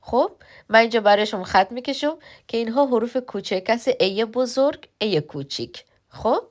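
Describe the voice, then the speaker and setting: A woman's voice: a little high, animated. Patient woman teaching English letters. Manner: patient, many filler pauses, spells words out slowly. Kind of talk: beginner language lesson.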